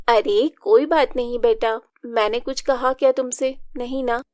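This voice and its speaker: Expressive woman reading a family story. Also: a little high, no echo, clean studio sound. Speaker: narrator voicing all women. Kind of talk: storybook narration with character voices.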